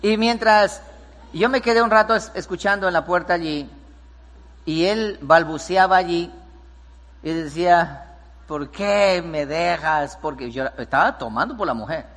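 Male pastor, slightly high voice, sermon delivery with big swings in loudness. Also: moderate pace, big-room sound. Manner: preaching, swings from hushed storytelling to loud emphatic peaks. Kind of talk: sermon with storytelling.

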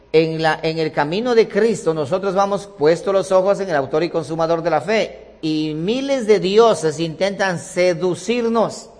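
A man's voice: a little high, a little mellow, big-room sound. A man preaching a sermon, emphatic, with rhetorical questions and repetition.

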